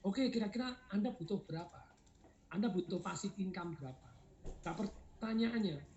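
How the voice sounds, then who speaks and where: Energetic high-voiced seminar man. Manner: energetic, laughing, urging the audience to shout. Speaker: seminar speaker. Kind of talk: motivational seminar talk. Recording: roomy, dull lo-fi sound.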